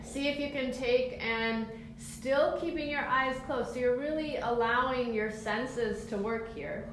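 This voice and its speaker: Slow, echoey woman leading a calm grounding exercise. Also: fairly high pitch. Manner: soothing, encouraging, unhurried step-by-step cues. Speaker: movement and mindfulness instructor. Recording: very echoey room, faint background noise.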